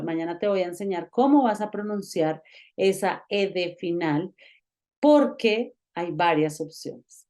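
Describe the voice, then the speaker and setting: A woman's voice: on the low side, a little mellow. A woman teaching an online English grammar lesson, explaining each rule step by step and checking in with the learner. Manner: patient, explains step by step with many check-ins.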